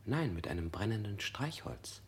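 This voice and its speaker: This male actor voices a scared suspect being questioned in a radio play, repeatedly correcting himself and occasionally sinking into a whisper, sounding confused. He pitches fairly low, swings his pitch widely, and keeps a moderate pace.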